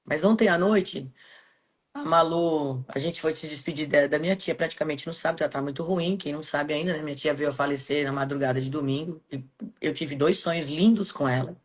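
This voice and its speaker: Soft-spoken Brazilian woman telling a story. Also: low-pitched, a little fast, slightly rough. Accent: Brazilian Portuguese. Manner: soft, subdued, heartfelt. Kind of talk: personal storytelling in podcast chat.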